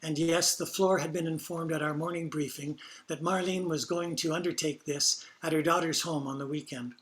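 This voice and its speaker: A man reading personal stories from care work as a reflection during a service, in a quiet, measured way. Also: on the high side, fairly even intonation.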